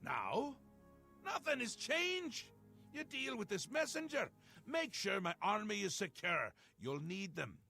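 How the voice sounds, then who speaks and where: A man's voice: sing-song, unhurried, vocal fry, pushed and bright, faint music behind, heavily acted. A man playing a mad, theatrical ruler-god of madness in a fantasy game, flamboyant and mercurial, swinging between glee and menace. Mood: unsettled, brooding. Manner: flamboyant, swinging from gleeful cries to low menace. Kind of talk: fantasy game character acting.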